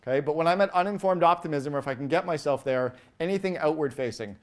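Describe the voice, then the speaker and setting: A man speaks from a stage to a live audience, his voice sitting a little high for a man. He talks with lively energy, throws short questions at the crowd and runs through rapid lists of examples. His delivery is that of a seasoned keynote speaker. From Canada. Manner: animated, asks the audience quick questions, acts out quoted voices.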